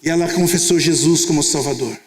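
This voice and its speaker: A man's voice: a little high, fairly quick. A man preaching a testimony sermon as a pastor, telling the story and acting out both sides of the conversations. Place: conference church hall. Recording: echoey hall sound.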